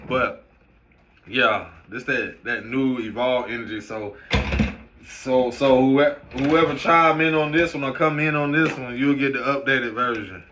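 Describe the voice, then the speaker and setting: A man's voice: medium pitch, a little slow. A man giving a casual, loose, profane monologue to camera as a vlogger, mixing stories and advice. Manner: loose, profane, animated storytelling. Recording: noisy background hiss.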